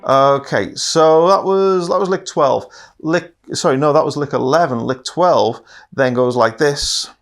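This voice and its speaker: A man's voice: a little high, measured pace, few pauses. A man giving a casual, step-by-step guitar lesson, explaining patiently and counting off each part with an easygoing "okay". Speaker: guitar teacher. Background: guitar playing.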